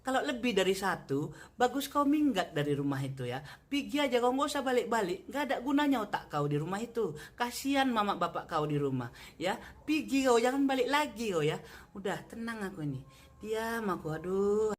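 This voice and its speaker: A man's voice: very high-pitched, sing-song, a little fast. A man, a comedian in a comedic Q&A rant who answers viewer questions with exasperated, mock-angry scolding.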